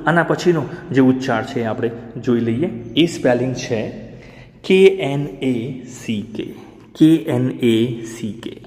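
A man teaching an English lesson to beginners, spelling words out slowly letter by letter and often asking his learners how to say them. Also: medium pitch, darkish tone, in a large hall. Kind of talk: spoken language lesson.

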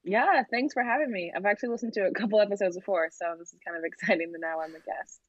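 A young American woman appears as a guest on a video call, chatting casually in an interview, laughing often and saying "like" a lot. She speaks fast in a medium-pitched voice from a room at home by a window. There's no echo, but the highs are cut off.

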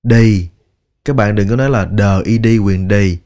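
A man teaching English pronunciation, drilling each word slowly and repeating it many times. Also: lowish voice, a little mellow. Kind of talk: slow, deliberate pronunciation lesson.

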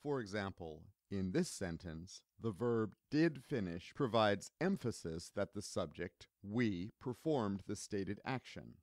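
A man with a fairly low voice reads a grammar lesson in a measured, explanatory way. His pitch moves a lot, rising and falling to stress his points. The sound is dry and close, with no room around it. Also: lively intonation, darkish tone, dry recording. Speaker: teacher. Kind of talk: scripted narration of a grammar lesson.

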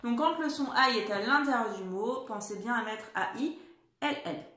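A primary school teacher gives young children a dictation lesson, patiently spelling words out letter by letter. Her voice is fairly high and sharp, at a normal pace, in a reverberant space.

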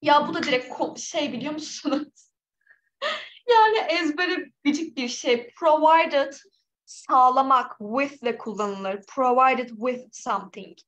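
A woman from Turkey teaching a live online English exam-prep lesson, lively and encouraging, with a slightly hoarse voice. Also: sits high, takes it slowly, low-quality recording. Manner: lively, encouraging, reads out student names.

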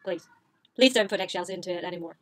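A woman's voice: on the low side, quick pace, voice pushed down, natural voice. A woman voicing a weary father, pleading.

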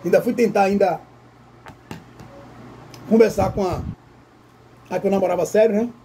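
A man who tells a story to his viewers while eating, in an animated way and often calling out to them. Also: high voice, moderate pace, a little hiss or hum. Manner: animated, addresses viewers as "gente". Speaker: vlogger. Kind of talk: casual storytelling during a mukbang.

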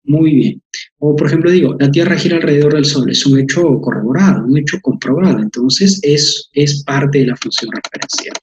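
A man's voice: a little high, moderate pace, lo-fi sound. A man, teaching an online language lesson, explaining patiently with fillers and repeated terms.

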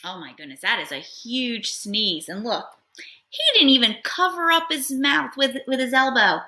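Bright-voiced woman teacher reading aloud. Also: a little high, lively intonation, moderate pace. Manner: patient, explains step by step, sounds words out. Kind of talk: read-aloud reading lesson.

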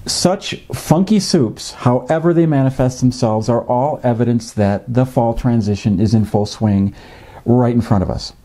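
Dark-voiced middle-aged man explaining calmly. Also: mid-range voice. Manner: measured, explanatory, with frequent uh fillers. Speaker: fishing educator. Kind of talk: educational narration. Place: home office with a desktop computer.

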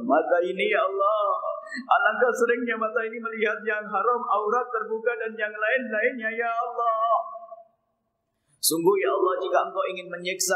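At the mosque pulpit, a middle-aged man wearing a headset mic delivers a fervent Friday sermon prayer, his pleas rising from quiet murmurs to shouts. The recording is rough.

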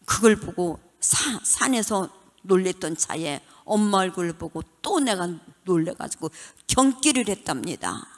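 Older woman, church testimony, lively swooping pitch, long reverb of a church hall. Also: measured pace. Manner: animated storytelling, dramatic retelling of childhood. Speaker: church deaconess giving testimony.

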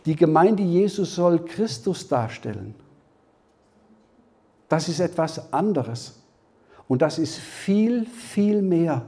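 A man giving a Bible teaching as a sermon, talking conversationally to the congregation, often checking with a quick "ja?" and restarting his phrases. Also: on the high side, animated, mellow. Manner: conversational preaching, frequent tag "ja?", restarts. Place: church hall.

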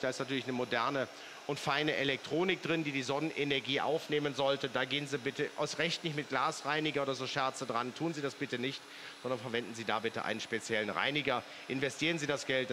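A man's voice: medium pitch, noisy background. A man presenting an infomercial product demonstration in a chatty, persuasive way, putting questions to the viewers.

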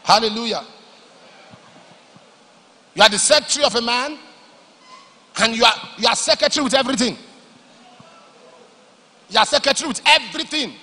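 A man preaching a sermon, moving between loud emphatic declarations and low, confiding storytelling. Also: animated, moderate pace, long pauses. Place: large church hall. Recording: long hall reverb.

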